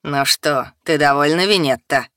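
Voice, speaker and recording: A woman's voice: low-pitched, unhurried, a bit bright, dry recording, clean studio sound, voice pushed down. A woman reading an audiobook voices a cold, mocking voice inside the heroine's head. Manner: mocking, sneering questions.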